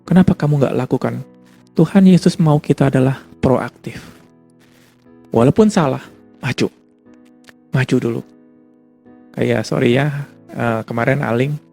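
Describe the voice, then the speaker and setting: Gravelly-voiced male pastor preaching casually. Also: medium pitch, measured pace, long pauses, warm tone, faint music behind. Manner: casual conversational preaching with repetition. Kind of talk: sermon.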